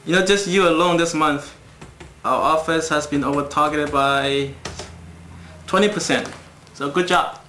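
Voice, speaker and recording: Guy doing a brisk boss of a cargo office, slightly high voice, echoey room. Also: fairly even intonation, sharp tone, slight background noise. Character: upbeat man running a cargo office. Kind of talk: low-budget film acting.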